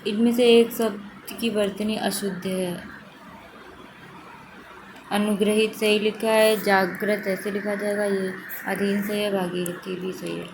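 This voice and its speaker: Lady teacher doing exam questions one by one, keeps repeating the right answer, mid pitch, lots of noise behind. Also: unhurried. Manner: steady explanatory, repeats correct forms for emphasis. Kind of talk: exam question walkthrough lesson.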